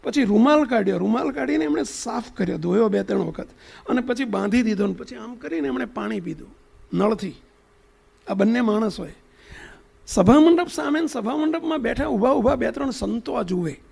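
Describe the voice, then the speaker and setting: Male preacher, sermon storytelling, very high and gravelly, questions the crowd directly. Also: animated, normal speed, a little mellow.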